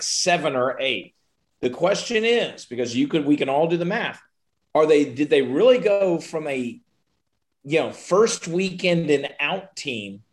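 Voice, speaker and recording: A man on a sports podcast panel, analytical and thinking aloud with fillers. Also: on the high side. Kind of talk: casual sports podcast chat.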